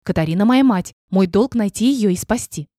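A woman's voice: medium pitch, lively intonation, moderate pace, mellow, dry recording, clean studio sound, natural voice. A woman voicing an indignant young woman, a newly chosen court witch, who talks in an upset, pleading way. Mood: determined.

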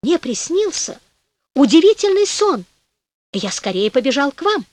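Sly fawning peasant rogue, high sing-song voice, falsely humble, as a woman narrator puts him on. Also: sing-song, moderate pace, a little mellow, no room sound. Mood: wheedling.

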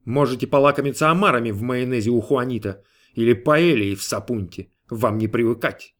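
A man's voice: mid-range voice, animated, a little fast, lightly acted. A man voicing a stern, proud restaurant owner who answers curtly and sarcastically. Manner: curt, sarcastic.

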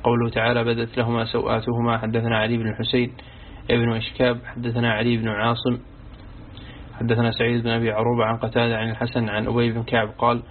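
A man reads a classical Quran commentary as an audiobook, reciting long chains of narrators at a quick clip. His delivery barely rises or falls, staying almost perfectly level. The recording is thin and phone-like, with a faint hiss underneath. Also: mid-range voice, monotone. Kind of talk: audiobook reading of a religious text. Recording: tinny narrow-band recording with faint hiss.

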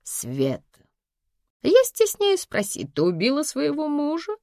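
A woman reading an audiobook, voicing a sharp-tongued older mother who talks in a curt, sardonic way. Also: mid-range voice, huge pitch swings, unhurried, no room sound, clean studio sound. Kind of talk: audiobook character voice.

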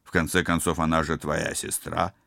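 A man voicing a calm, firm middle-aged ship captain in an audiobook. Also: a bass voice, normal speed, gravelly, dry recording, clean studio sound, heavily acted.

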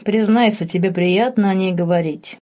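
A woman's voice: medium pitch, moderate pace, darkish tone, close to an everyday voice. A woman reading the part of a curt, sardonic grand master, a man in his thirties, in an audiobook.

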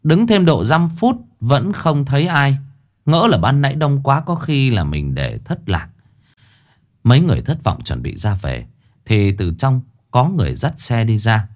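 A man's voice: medium pitch, big pitch swings, measured pace, darkish tone. A man narrating a ghost story with dramatic, scripted delivery.

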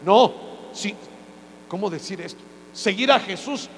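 A man's voice: sits high, unhurried. A man preaching a sermon as pastor. He preaches with joking asides and acts out quotes. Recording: hall reverb with faint mains hum.

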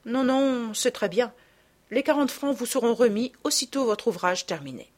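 A woman voicing a kind, refined mother who speaks calmly and tenderly. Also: fairly high pitch, normal speed, voice pushed up. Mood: polite. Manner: calm, tender and polite.

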